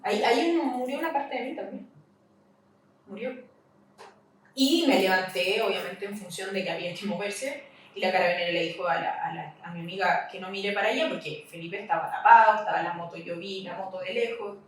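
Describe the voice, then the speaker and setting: A woman with a Chilean accent, a podcast guest recounting a personal loss, halting and repeating herself. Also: on the low side. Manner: halting, repeats herself, voice rises in retold questions. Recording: echoey room, mic at a distance, faint hiss.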